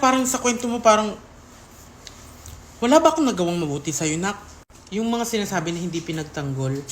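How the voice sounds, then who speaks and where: A woman's voice: fairly low pitch, slight background noise. A woman giving an emotional vlog statement, her voice shaking as she pleads and speaks tenderly to someone directly. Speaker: content creator.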